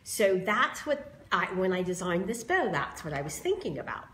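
Chatty woman with lively, lowish voice. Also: moderate pace, slight background noise. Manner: chatty, explains each step, greets viewers. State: slightly hoarse. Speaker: craft tool creator demonstrating bows. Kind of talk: live craft tutorial.

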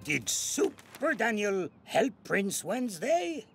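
A man's voice: high-pitched, big pitch swings, slow, gravelly, exaggerated voice. A man voicing a playful, kindly old grandfather tiger in a children's cartoon, exclaiming and encouraging. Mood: warm, amused. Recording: music under the voice.

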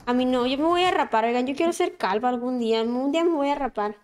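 A woman's voice: high voice, fast talker. A woman with a Mexican accent chatting casually on a gaming livestream, greeting viewers by name as she plays. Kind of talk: casual livestream chat while playing.

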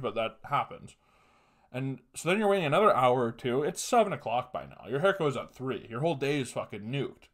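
Profane young man telling rambling stories. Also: medium pitch. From Canada. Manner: rambling, profane, animated storytelling. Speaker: podcast host. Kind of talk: casual comedic storytelling. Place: small room at home, indoors.

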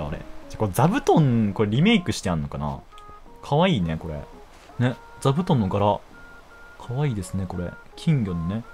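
A young man giving casual, jokey commentary while playing a game, quick to exclaim and laugh. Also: on the low side.

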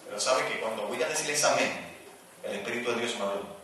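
A man preaching a charismatic sermon, swinging between loud fervent exclamations and quiet asides. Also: mid-range voice, lively intonation, quick pace. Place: large church at a conference. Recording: echoey church from some distance, faint noise.

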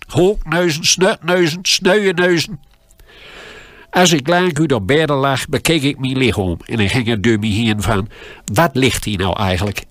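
A man with a Groningen dialect telling a humorous story on the radio with dry, deadpan humor. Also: medium pitch, no room sound.

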